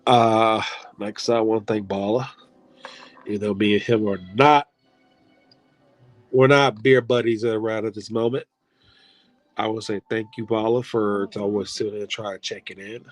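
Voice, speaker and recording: His voice is lowish and level, moving at a normal speed but broken by long pauses, over soft background music. He's an online league host signing off his own show with a rambling, heartfelt, occasionally profane round of thank-yous.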